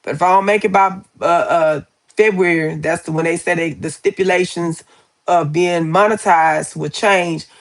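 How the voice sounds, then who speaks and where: A woman's voice: fairly low pitch, fairly even intonation, normal speed, gravelly. A woman in her forties chatting casually on a live stream, talking to viewers as y'all and baby and reading their comments aloud. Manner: reads viewer comments aloud and answers them.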